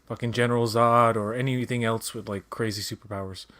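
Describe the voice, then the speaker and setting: A man's voice: medium pitch, fairly even intonation, a little fast, fairly bright tone. A man from Canada chatting casually as a watch-along co-host, blunt and repeating words for emphasis. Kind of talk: casual chat and commentary.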